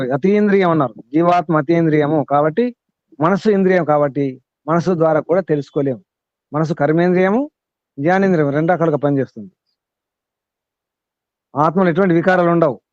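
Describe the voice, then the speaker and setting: A man's voice: fairly high pitch, a little mellow, dry recording. A man leading a scripture class and explaining verses, with repeated phrases and questions put to his students. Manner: repetitive, questioning, emphatic teaching. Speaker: teacher of scripture. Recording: dull lo-fi dry sound.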